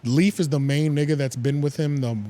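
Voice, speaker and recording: A man's voice: a little high, steady tone, brisk, warm tone. A man co-hosting a casual podcast, chatting animatedly, laughing and swearing freely. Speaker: podcast co-host. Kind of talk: casual chat.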